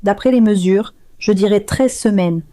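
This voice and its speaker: A gentle, professional woman doctor speaks calmly and softly, voiced by a woman narrator. Her tone is warm and mellow. The sound is dry and close, like a storybook read aloud. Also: mid-range voice, normal speed, no echo, close to an everyday voice. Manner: calm and gentle.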